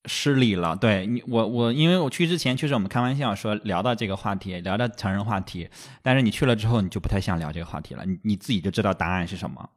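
A man hosting a casual podcast chat, eager and quick to agree, often repeating words as he goes. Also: on the low side. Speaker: podcast host.

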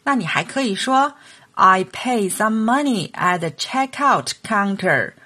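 A woman's voice: medium pitch, animated, takes it slowly, sharp tone, husky. A woman teaching a language lesson, explaining phrases and carefully enunciating model sentences. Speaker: English teacher.

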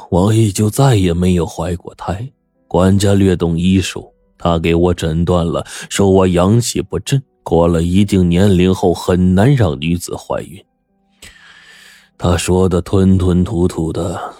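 A man voicing a bitter, grief-stricken aging rich squire whose voice cracks into high anguished cries. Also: mellow, dry recording, clean studio sound.

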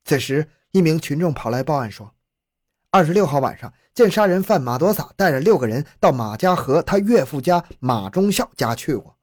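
A man reading a true-crime story as narrator in a steady storytelling delivery. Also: on the high side, normal speed, no room sound, clean studio sound.

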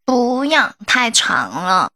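A woman's voice: a little high, big pitch swings, slow pace, sharp tone, heavily acted. A woman acting a spoiled, babyish young woman who pouts and sobs dramatically in a comedy skit. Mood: pouty. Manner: babyish, pouting, sobbing dramatically.

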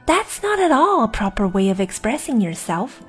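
This is a fretful, earnest young girl with a high, breathy voice, as a woman reads her out. She speaks eagerly, as in a storybook read aloud. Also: big pitch swings, normal speed, fairly bright tone, faint music behind, full character voice.

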